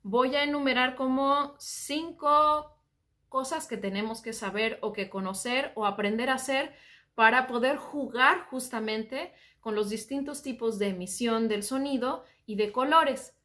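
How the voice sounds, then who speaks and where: A Mexican woman teaching voice, calmly explaining singing technique and often saying "ajá". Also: sits high, a little slow.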